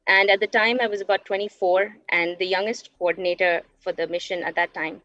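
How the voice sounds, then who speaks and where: A woman's voice: medium pitch, steady tone, fairly quick, bright, forceful tone, no echo. A woman in her thirties from Dubai, telling her personal story earnestly and reflectively as an interview guest. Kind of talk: personal testimony. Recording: dull, dry lo-fi stream audio.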